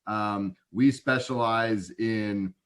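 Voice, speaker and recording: A man in his forties, a guest consultant, talking casually in an interview with frequent restarts and quick acted-out client quotes. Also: on the low side, fairly bright tone. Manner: chatty, many restarts, acts out clients' voices. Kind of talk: conversational podcast interview.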